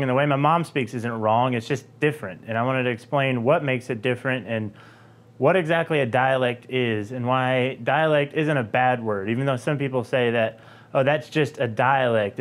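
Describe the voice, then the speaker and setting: A young man with a faint, softened Southern lilt talks through a linguistics idea in a loose, conversational manner. He pauses on little ums and uhs as he thinks, keeping the pitch in an ordinary middle range. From Georgia, US. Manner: relaxed, conversational, frequent filler ums. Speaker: linguistics video host. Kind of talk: explanatory talk to camera.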